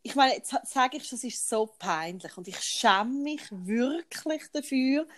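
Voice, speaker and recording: A woman's voice: sits high, animated, measured pace. A woman with a Swiss German accent, co-hosting a podcast in casual chat, sheepish and defensive in banter. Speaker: podcast co-host.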